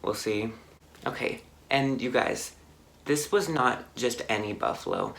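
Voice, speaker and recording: Creaky-voiced young man telling a story. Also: medium pitch, lively intonation, fairly bright tone. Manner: halting, many fillers and restarts, sighs. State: anxious, shaken. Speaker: vlogger. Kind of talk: storytime vlog.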